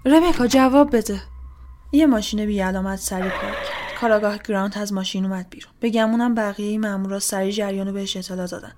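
A woman's voice: medium pitch, steady tone, hardly any pauses, noisy background. A woman reading a first-person horror story aloud, often sinking into a whisper. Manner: hushed, often dropping to a whisper. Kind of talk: scripted horror narration.

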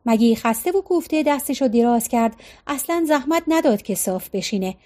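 A woman narrating an audiobook in a calm, even storytelling manner. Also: on the high side.

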